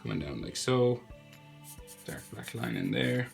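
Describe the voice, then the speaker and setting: A drawing tutor, a young man with a cold, speaks at a measured pace in a creaky, mid-range, nasal voice. He casually walks through his drawing step by step in a narrated tutorial, with faint music in the background.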